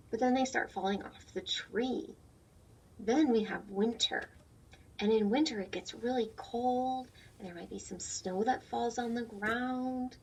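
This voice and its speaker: Fairly high in pitch, her voice carries creak and huskiness as she reads a picture book aloud to young children. The teacher keeps explanations simple and quizzes her listeners. Audio is dull and lo-fi, with the mic set well away from her.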